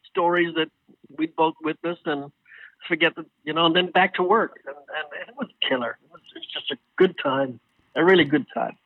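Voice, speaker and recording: A man being interviewed as a guest singer, telling stories in a casual, animated way and acting out what others said. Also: a little high, normal speed, no room sound. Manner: animated storyteller, acts out quoted exchanges. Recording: tinny phone line.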